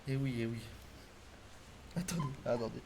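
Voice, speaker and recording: A man live streaming in casual chat, loud and teasing with plenty of swearing banter. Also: medium pitch, normal speed, creaky, noisy background.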